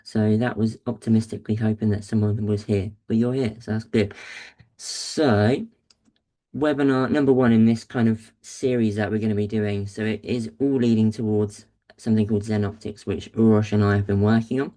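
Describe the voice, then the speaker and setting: A man's voice: fairly low pitch, flat delivery, moderate pace, dark tone. A man hosting and presenting a business webinar in a casual, upbeat way, with frequent fillers, speaking over a video call microphone. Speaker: webinar host, agency founder.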